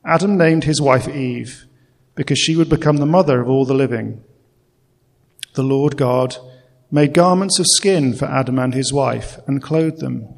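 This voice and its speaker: A man reading a Bible passage aloud in church, slowly and deliberately. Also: mid-range voice, creaky. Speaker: scripture reader. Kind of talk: slow scripture reading. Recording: long reverb of a church hall.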